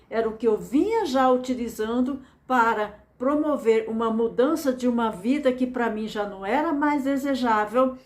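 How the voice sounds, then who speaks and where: A woman's voice: on the high side, a little mellow. A woman from Mato Grosso do Sul with a Brazilian accent, giving an earnest, encouraging motivational lecture and repeating phrases for emphasis. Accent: Brazilian Portuguese. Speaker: speaker presenting a method.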